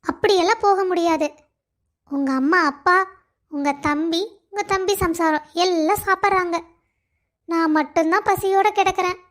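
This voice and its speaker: A woman's voice: very high voice, normal speed, pauses often, fairly bright tone. A woman voicing a loving young wife who pleads and complains of being alone. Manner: pleading, plaintive.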